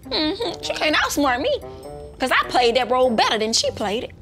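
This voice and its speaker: Sassy, theatrical scolding mother for a comedy skit played by a woman, high voice with big swoops, music behind. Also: sing-song, moderate pace, fairly bright tone, heavily acted. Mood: sassy, boastful. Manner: exclamatory, repeats phrases for emphasis. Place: living room of a house.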